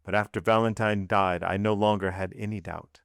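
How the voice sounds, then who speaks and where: A man's voice: lowish voice, steady tone, brisk, gravelly, fairly bright tone, clear, resonant tone, no room sound, studio quality. A man reading aloud, voicing a stern magistrate who questions his wife in a blunt, commanding way. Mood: accusing. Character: cold, stern magistrate husband.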